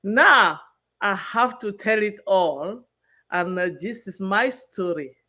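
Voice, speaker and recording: A woman, a guest speaker telling her life story. Her voice is bright and forward, and she speaks earnestly and warmly. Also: medium pitch, animated, slow pace. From Cameroon. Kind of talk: personal testimony.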